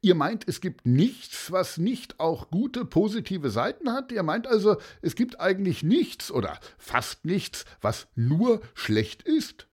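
A man's voice: high voice, sing-song, slow pace, few pauses, breathy edge, voice pushed up, exaggerated voice. A man reading a storybook, voicing Martin Motzke, a gloomy pupil who whines, sighs and stammers. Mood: doubtful. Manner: whiny, sighing, stammering.

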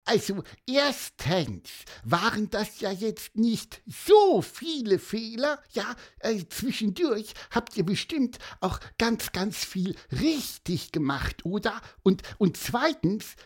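A woman's voice: medium pitch, very animated, takes it slowly, few pauses. A woman voicing a small, eager, helpful bird in an audio storybook, chatty and stammering with fillers.

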